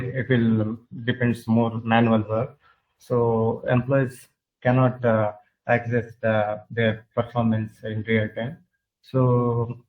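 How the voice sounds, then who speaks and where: A man pitching his team's project in a product demo, talking over a video call while sharing his screen, halting and full of filler sounds. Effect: video call audio while sharing his screen. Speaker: hackathon team presenter. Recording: muffled video call audio.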